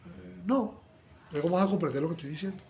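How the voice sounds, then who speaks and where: A man teaching a Bible study sermon, acting out little dialogues and swinging between loud exclamations and soft asides. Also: a little high, very fast, a little hiss or hum.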